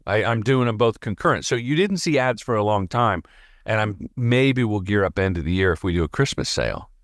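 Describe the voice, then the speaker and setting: A man's voice: fairly low pitch, expressive, a little fast, dry recording, clean studio sound. A man hosting a podcast interview in casual chat, rambling and talking a mile a minute. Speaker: podcast host.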